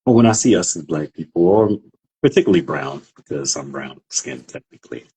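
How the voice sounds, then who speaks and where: A man's voice: lively intonation, a little fast, warm tone, slightly rough, poor audio. A man from New York interviewing a guest in a laid-back, casual way and humming along as she talks. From New York, USA. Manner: laid-back, backchannels with low hums.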